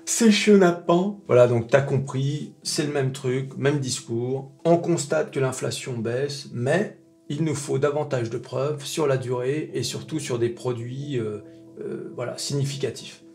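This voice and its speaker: A man hosting a casual stock market video, talking familiarly to his viewers in an animated, joking way with mock-dramatic exclamations. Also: mid-range voice, measured pace, gravelly, soft background music. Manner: talks familiarly to his audience.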